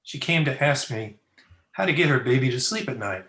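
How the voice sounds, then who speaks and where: A crusty town doctor from the Old West, played by a man in a radio drama, recorded in an echoey room. He has a mid-pitched voice and a dry, teasing, folksy manner. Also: expressive, brisk, fairly bright tone. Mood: wry, teasing. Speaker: actor in an amateur radio drama. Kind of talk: old-time Western radio acting. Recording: roomy, echoey video-call recording.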